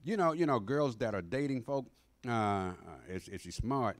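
A man's voice: mid-range voice, expressive, normal speed. A middle-aged man teaching a Bible class in a church sanctuary, emphatic and asking the class questions as he goes. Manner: emphatic, call-and-response questions. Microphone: standing in front of a mic stand.

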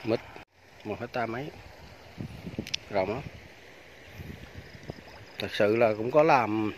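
Out by the fish ponds on a rural farm, a vlogger films a walking tour on his phone, speaking slowly in a fairly low voice. He chats casually and keeps calling his viewers aunts, uncles and friends. The recording is low quality, with slight background noise.

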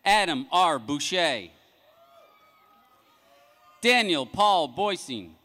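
A man reading graduates' names one by one at an outdoor commencement, in a measured, formal announcing cadence over a public address system. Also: a little high, sing-song, sharp tone, some chatter behind. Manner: measured, announcing each name with a rising then falling cadence. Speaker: commencement name reader. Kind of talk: formal ceremonial name reading. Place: large outdoor graduation ceremony.

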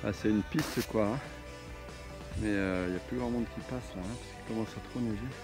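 A man's voice: fairly low pitch, a little fast, loud music behind the voice. A man in his thirties chatting casually and teasing as he films himself skiing through a snowy forest, then driving. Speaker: vlogger. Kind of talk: casual vlog chat. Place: outdoors on a snowy forest ski trail, later in a car.

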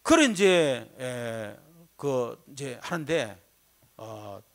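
Animated pastor preaching, wide pitch swings. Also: male voice, drawn-out words, gravelly. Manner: animated storytelling, swinging between loud outbursts and low asides. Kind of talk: sermon. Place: church sanctuary.

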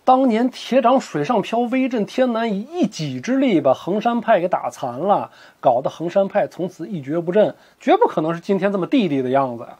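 A man's voice: high-pitched, sing-song, a little fast, hardly any pauses, mellow, husky, full character voice. A man doing an agitated older villain. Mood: alarmed. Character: older male villain, fierce and alarmed.

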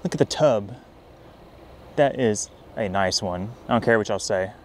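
A young man narrating his night fishing trip by a riverbank in a casual vlog style. He gets excitable, whooping and hollering whenever a fish bites. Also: lowish voice, measured pace, slight background noise. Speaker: fishing vlogger. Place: riverbank near a dam at night, outdoors.

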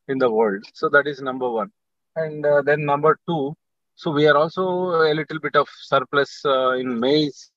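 Halting Indian man on a dull, dry video call. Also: mid-range voice, fairly bright tone, no echo. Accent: Indian English. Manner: halting, many fillers and restarts. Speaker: panelist. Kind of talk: panel discussion remarks on a video call.

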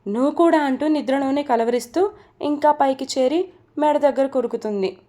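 A woman narrating a romance story from a script in a steady, even reading voice. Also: high-pitched, moderate pace.

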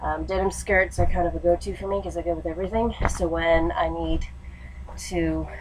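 With a lowish voice, fairly even intonation and a moderate pace, a young woman in her twenties chats informally about her haul, sounding stuffy from allergies. She vlogs while studying education, seated in a small lamp-lit home room. A webcam or laptop mic at desk distance records her alongside room noise and a TV in the background.

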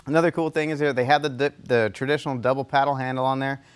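A man's voice: mid-range voice, steady tone, quick pace, smooth. A young man hosting a casual rundown of new fishing tackle, upbeat and filled with "you know", filmed on an indoor studio set. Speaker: fishing tackle store host.

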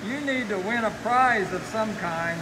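Casting: middle-aged male aquarium guide, high-pitched, folksy, muffled by a face mask, loud pump-room noise behind. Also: a little slow. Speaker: aquarium animal keeper and guide. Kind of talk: casual educational live talk. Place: noisy indoor aquarium work room. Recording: noisy pump-filled room with loud hum.

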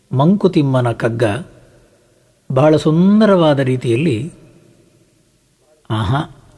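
A man giving a spiritual discourse, now and then chanting verses and gently addressing the listener. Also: mid-range voice. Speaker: spiritual teacher. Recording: long hall reverb.

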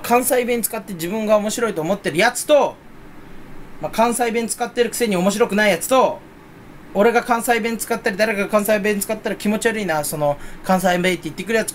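Young guy rambling fast on his own, kinda high voice, faint hum behind. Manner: rambling, playful, self-mocking; mock Kansai dialect in quoted bits. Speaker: streamer. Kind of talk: solo casual chat.

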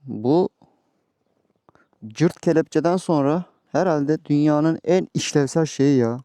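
A man's voice: on the high side, slow pace, no room sound. A man from Turkey talking casually and playfully to himself as a motovlogger out on a ride. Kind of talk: casual vlog chat. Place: outdoors, riding a motorcycle. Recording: loud vehicle and outdoor noise.

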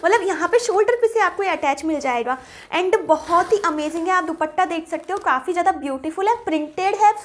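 A young woman with a very high, light voice talks through a clothing haul. She is chatty and keen on prices, slipping English words into her sentences. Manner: chatty, mixes English words into Hindi, enthusiastic about prices. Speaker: fashion haul vlogger. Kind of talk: casual product review.

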